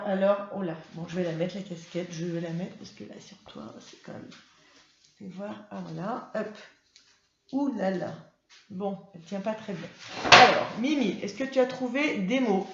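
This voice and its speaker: Patient woman schoolteacher, unhurried, slightly muffled sound. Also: medium pitch, a little mellow, reverberant, a little hiss or hum. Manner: patient, clear, slow spelling out of words. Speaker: primary school teacher. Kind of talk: classroom lesson for young children.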